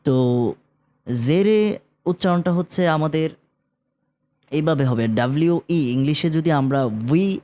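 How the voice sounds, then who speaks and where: Bangladeshi man teaching slow Quran recitation. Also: a little high, warm tone. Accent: Bangladeshi Bengali. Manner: explains pronunciation, then chants verses slowly and drawn out. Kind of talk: relaxed spoken lesson with slow chanted recitation.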